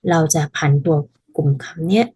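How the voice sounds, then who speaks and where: A woman teaching a casual language lesson, patiently explaining and repeating phrases slowly so learners can practice. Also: low-pitched, a little mellow, breathy edge, rough recording.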